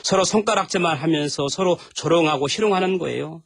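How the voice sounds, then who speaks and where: Animated Korean pastor, higher voice. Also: male voice, brisk, creaky, dry recording, clean studio sound. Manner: animated, acts out voices in stories. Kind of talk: sermon with storytelling.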